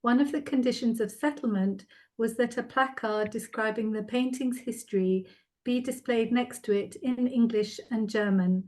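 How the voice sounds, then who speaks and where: A woman hosts and moderates the question session of an online art talk held as a video event, reading out comments in a polite, formal way with hesitant phrasing. Her voice is a little high and somewhat dark, at a normal speed.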